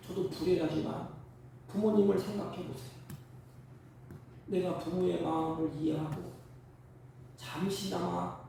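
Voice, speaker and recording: A male pastor preaching in a church, his fairly high voice edged with gravel. He swings into loud, emphatic bursts. The sound is echoey and distant, caught from across the hall. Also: slight background noise. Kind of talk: sermon. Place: church sanctuary.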